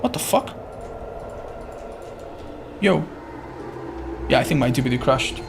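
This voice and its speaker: Speaking slowly in an expressive, creaky, medium-pitched voice, a game streamer chats through live commentary with an informal, sweary tone, calling his viewers man and dude. The background is noisy.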